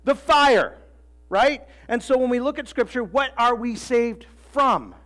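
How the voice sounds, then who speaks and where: A man preaching a sermon as pastor, telling stories with lively acted quotes and repeating key phrases for emphasis. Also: extremely high pitch, unhurried.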